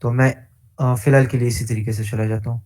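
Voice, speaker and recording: A man's voice: mid-range voice, little pitch movement, a little fast, a little mellow. Hesitant man giving a coding tutorial. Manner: patient step-by-step explaining, frequent hesitations; mixes English tech terms into speech. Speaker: coding instructor. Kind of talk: screen-share coding tutorial.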